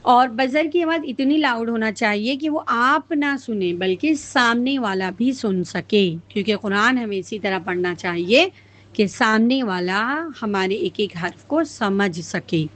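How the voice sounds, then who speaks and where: A woman's voice: on the high side, a bit bright. Patient woman teaching Quran pronunciation. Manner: patient, demonstrates letter sounds slowly and repeatedly. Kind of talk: casual spoken lesson with slow drawn-out recitation.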